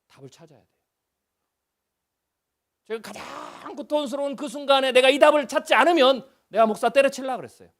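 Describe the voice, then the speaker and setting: Preaching a revival sermon as a guest pastor, this fifties-aged man speaks briskly at an extremely high pitch, leaving long pauses. His delivery is chatty, packed with rhetorical questions, and alternates between booming stress and quiet passages.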